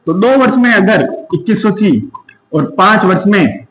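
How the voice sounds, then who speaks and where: High-voiced maths teacher, echoey room. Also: male voice, lively intonation, normal speed. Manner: works through sums step by step, asking and answering himself. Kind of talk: exam-prep maths lesson.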